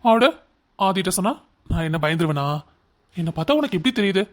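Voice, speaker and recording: A man's voice: high voice, animated, brisk. A man voicing a taunting young male coworker in a cartoon story, with a mocking, needling way of talking.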